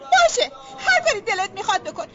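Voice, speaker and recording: An actress playing a stubborn, quick-tempered young woman who argues back defiantly, in a drama. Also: extremely high pitch, very animated, sharp tone, dull audio, a faint crowd, a little hiss or hum, full character voice. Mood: pleading. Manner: quarrelsome, defiant retorts. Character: stubborn, sharp-tongued young woman, easily angered. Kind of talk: broadcast drama acting.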